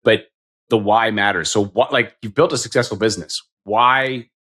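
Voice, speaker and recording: A podcast host in his fifties conducts a casual interview, chatty and self-deprecating, asking rambling questions. His voice is lowish and fairly bright, at a moderate pace.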